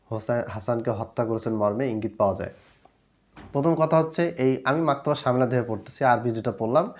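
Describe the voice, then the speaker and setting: Measured male Islamic scholar, dull recording. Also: medium pitch, a little mellow. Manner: measured, reads Arabic texts then translates. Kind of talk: explanatory religious lecture.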